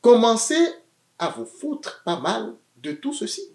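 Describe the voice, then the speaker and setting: A man with an extremely high pitch preaches slowly in a reverberant room, animated throughout. He alternates emphatic outbursts with quiet asides and often repeats words while looking for them.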